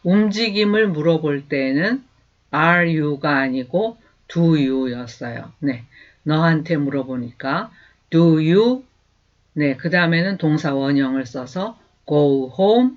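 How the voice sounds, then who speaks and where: A man teaching a beginner language lesson, patiently drilling sentences slowly and repeating them, with an encouraging manner. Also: fairly high pitch. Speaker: English teacher. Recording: dull lo-fi recording.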